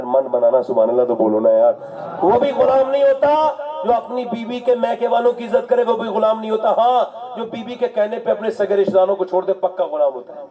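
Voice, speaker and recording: A man giving an emotional, dramatic sermon in Urdu, moving between loud shouting and soft pleading as he tells a story. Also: sits high, narrow, tinny audio. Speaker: preacher.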